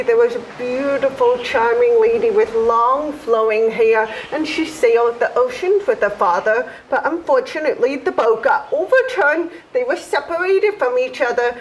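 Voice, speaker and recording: A woman from Taiwan hosting a travel show, presenting with eager, lively energy. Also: fairly high pitch, a little hiss or hum, poor audio. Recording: loud music bed under voice.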